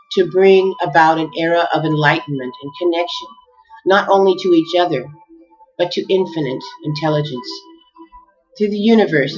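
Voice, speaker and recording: A woman giving an earnest, heartfelt spiritual message, measured and addressing her listeners warmly as beloveds. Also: low-pitched. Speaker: spiritual speaker. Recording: dull lo-fi recording with faint music.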